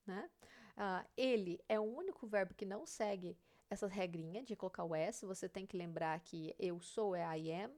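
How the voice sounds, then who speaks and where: A woman's voice: medium pitch, darkish tone. Brazilian woman teaching English patiently. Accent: Brazilian Portuguese. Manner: patient, checks in often with "né?" and "ok?". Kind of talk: explaining a reading lesson.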